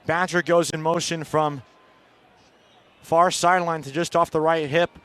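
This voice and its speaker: A man with a fairly high, fairly bright voice delivers live radio play-by-play for college football at an unhurried pace and steady tone. He sums up the action in short, clipped phrases, with a delivery built to rise when big plays happen.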